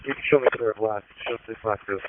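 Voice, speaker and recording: A man's voice: lowish voice, quick pace. A man calling in to dispatch over a two-way radio in terse police radio style. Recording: narrowband police scanner radio, faint static.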